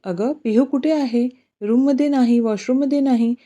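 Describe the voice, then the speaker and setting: A woman's voice: medium pitch, fairly even intonation, moderate pace, mellow, dull audio, close to an everyday voice. A woman reading as an anxious fretting mother. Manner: anxious questioning. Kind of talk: storybook reading.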